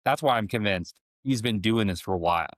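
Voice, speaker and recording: A man's voice: on the low side, a little fast, no echo, clean studio sound. A man guesting on a podcast, laid back in casual chat with lots of filler words.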